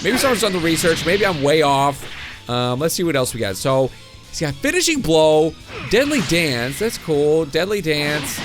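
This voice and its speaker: A young man hosts a gameplay video with casual commentary, his voice fairly high, very animated, and at a moderate pace. He muses uncertainly and chuckles often, and because he's getting over a cold, his voice sounds a bit off. Game music plays in the background.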